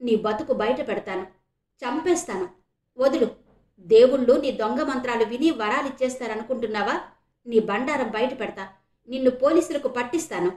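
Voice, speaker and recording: A woman voicing a proud young woman who shouts shrilly at her attacker, in a roomy, echoey recording. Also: a little high, normal speed, close to an everyday voice. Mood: furious. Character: proud young educated woman, fierce when cornered.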